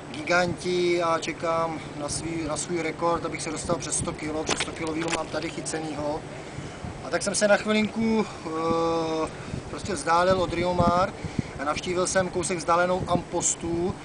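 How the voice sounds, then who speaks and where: An angler and fishing vlogger from the Czech Republic, a man in his thirties, chats casually to the camera about fishing while standing on a wooden dock by a wide river, saying "eh" a lot. His voice is a little high, picked up by a camera mic a few meters away along with outdoor noise.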